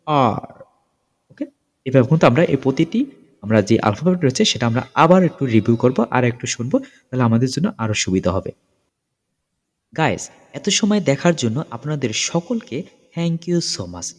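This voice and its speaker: A man with a fairly high, animated voice leads an English lesson. He explains each example step by step and keeps checking in with his listeners. The sound rings with a long reverb. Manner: lively, repeats examples with check-in questions. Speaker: English teacher.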